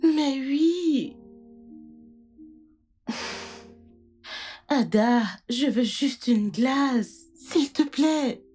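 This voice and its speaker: A woman's voice: sits high, very slow, long pauses, warm tone, faint music behind, exaggerated voice. A woman voicing a playful young woman teasing her friend in a dubbed film drama.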